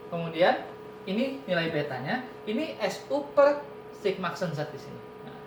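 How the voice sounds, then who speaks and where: A man with an Indonesian accent gives an online university lecture, explaining step by step and often saying "nah" and "ini." The recording comes from an echoey room with noise and rumble.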